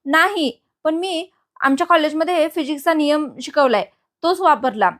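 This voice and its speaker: A woman's voice: high-pitched, normal speed, fairly bright tone. A woman voicing a blind young woman who teaches physics, plain and matter-of-fact.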